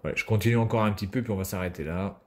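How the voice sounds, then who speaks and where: A man's voice: low voice, very fast. A man giving casual video game commentary as a streamer, sarcastic and swearing freely.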